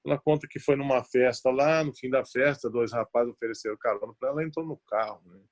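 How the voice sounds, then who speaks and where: A man preaching a sermon, his voice pitched right in the middle of the male range. He tells the story earnestly and often sinks into a hushed tone. He leans on tag questions as he goes. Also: fairly even intonation, quick pace. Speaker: pastor.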